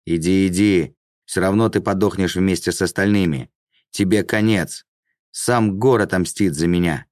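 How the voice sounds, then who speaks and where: A man's voice: low-pitched, moderate pace, a little mellow, dry recording, clean studio sound, pitched above the performer's own voice, close to an everyday voice. A man voicing a cowardly male demon swindler who whines and pleads. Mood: spiteful. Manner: whiny, pleading.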